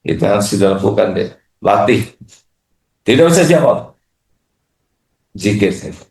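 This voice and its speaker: A man's voice: fairly low pitch, animated, unhurried, vocal fry, darkish tone. Preacher man in an echoey hall. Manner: asks the audience questions and acts out insults. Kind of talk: sermon.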